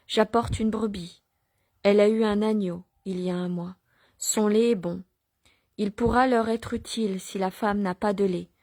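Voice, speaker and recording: A woman's voice: mid-range voice, fairly even intonation, normal speed, a little mellow, dry recording, studio quality, lightly acted. A woman voicing a humble male shepherd who earnestly offers a ewe.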